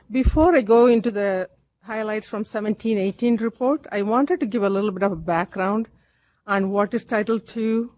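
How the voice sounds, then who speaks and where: A woman presenting an agenda item at a public meeting, steady and explanatory, from a table microphone. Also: mid-range voice. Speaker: staff presenter.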